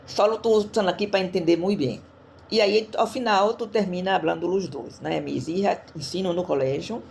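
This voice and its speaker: A woman from Brazil who sprinkles in words gives a chatty, casual church talk online, often checking in with her listeners by tagging questions to them. Her voice is deep, creaky and a little mellow, with a bit of hiss or hum.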